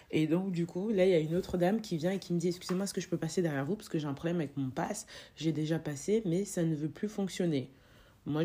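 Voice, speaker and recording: A woman's voice: sits low, warm tone, husky. A woman recounting a personal anecdote in a casual voice note, chatty and full of fillers and asides. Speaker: podcast host telling anecdotes.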